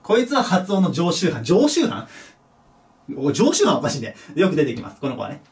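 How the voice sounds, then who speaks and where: A male teacher talks through a pronunciation lesson in a high, lively voice. His pitch rises and falls a lot, and he sinks to a low murmur when he repeats example words. The mic sits a little away from him. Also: moderate pace. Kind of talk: recorded English pronunciation lesson. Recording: voice a bit distant from the mic.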